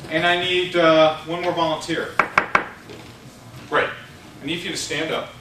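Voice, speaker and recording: A man running a live sales training seminar in a large room, animated and playful, shouting instructions to volunteers. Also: a little high, unhurried. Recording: echoey room recording from far off, noisy.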